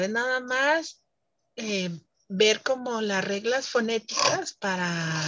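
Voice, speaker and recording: A woman's voice: medium pitch, fairly bright tone, dry recording, lo-fi sound. A woman, a French teacher, explaining pronunciation in an interview in an emphatic way, laughing often. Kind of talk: interview conversation.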